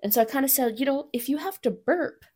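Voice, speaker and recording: A woman's voice: high-pitched, lively intonation, fast. A woman in her thirties hosting a podcast, speaking candidly and reflectively about her own experience, sometimes dropping almost to a whisper. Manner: candid, reflective, softens to near-whispers at times. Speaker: podcast host and coach for mothers. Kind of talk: personal solo podcast talk.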